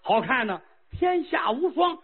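A man voicing a sly old chancellor who speaks low, calm and drawn-out to soothe an impatient king. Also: husky, exaggerated voice. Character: sly, unhurried old chancellor, fortune-teller. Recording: tinny lo-fi phone-like sound.

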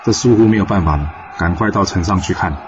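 A man's voice: low voice, fast, highs cut off, slight background noise. A man telling a classic tale in a casual, chatty storytelling manner with many fillers. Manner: chatty, filler-heavy narration.

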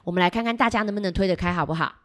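Reading a picture book to small children, a female storyteller keeps things lively and coaxes them with questions. Her voice is fairly low in pitch, and she races along.

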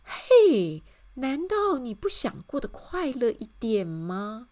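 A woman's voice: very high-pitched, sing-song, normal speed, pitched above the performer's own voice. A woman voicing a giggly, cheerful young woman. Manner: giggling, bubbly, coaxing.

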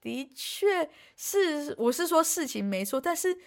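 Young woman, co-host, rambling casual storyteller with a fairly high voice. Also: sing-song, unhurried. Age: young adult. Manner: rambling, with many restarts and acted quotes. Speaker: podcast co-host.

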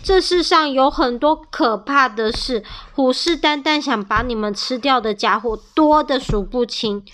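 A woman voicing a big, gruff male tyrannosaurus who is fierce but protective, speaking sternly in a storybook reading. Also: high voice, unhurried, hardly any pauses, a bit bright. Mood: scolding.

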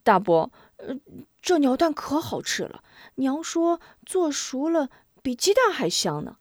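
A woman's voice: high voice, big pitch swings, unhurried, no room sound, voice pushed up. An eager young village boy from a storybook, coaxing and pleading in a bouncy voice that rises and falls a lot, as a woman puts him on. The recording is dry and close.

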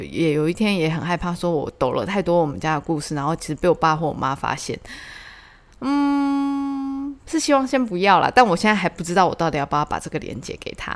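A woman hosting a casual solo podcast, telling stories in a chatty, animated way with lots of fillers. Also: lowish voice. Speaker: podcast host.

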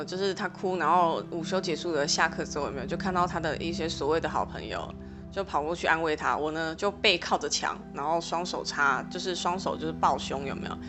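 A young adult woman hosting a podcast, telling a personal story in a rambling, chatty way with many fillers, flaring up when she recounts quarrels. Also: low-pitched. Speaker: podcast host.

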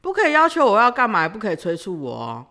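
A woman's voice: medium pitch, wildly swooping pitch, fast talker, pushed and bright. A young woman, hosting a podcast and telling a personal story in a playful, teasing way with frequent giggles. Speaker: podcast host.

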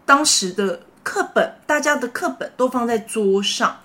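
A middle-aged woman with a Taiwanese Mandarin accent, a teacher and mother, co-hosts a casual chat podcast, telling stories animatedly and laughing often. Her fairly high voice is expressive, pushed and bright, at a moderate pace.

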